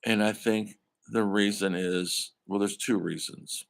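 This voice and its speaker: A man's voice: on the low side, steady tone, unhurried, vocal fry. An older man giving a classroom film lecture in a conversational way, calling his students folks. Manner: conversational, addresses listeners as folks. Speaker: college film instructor.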